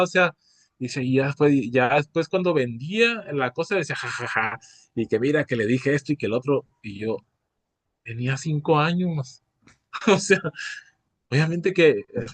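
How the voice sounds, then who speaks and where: A man's voice: mid-range voice, no echo. Reflective man, dry close sound. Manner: reflective, halting, with many pauses and fillers. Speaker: support group member sharing his story. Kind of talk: personal testimony at a support meeting.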